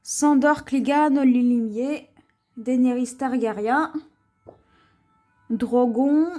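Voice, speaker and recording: Faint music plays behind a woman with a high, mellow voice as she shows her shopping haul. Her slow, chatty vlog has her pointing things out with a recurring "voyez," and she sometimes stumbles over words and restarts names.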